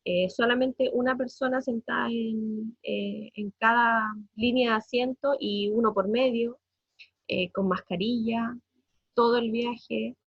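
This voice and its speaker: This emotional testimony comes from a Chilean parent, a woman in her thirties, recounting what her family went through. Her voice is husky, a bit breathy, fairly high, and fairly even in intonation, with a Chilean Spanish accent, though she halts, repeats herself, leans on fillers and breaks with distress. The sound is dry and close-miked, echo-free, with a dull, muffled top end.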